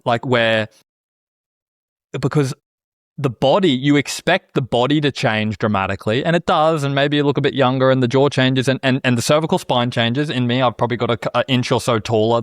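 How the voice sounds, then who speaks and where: A reflective male host talking in a middle pitch, close to the mic in a dry, dead room. He muses aloud and keeps checking in with the listener. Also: dry recording. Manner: reflective, often adds "you know what I mean?". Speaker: podcast host. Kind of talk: casual spiritual conversation.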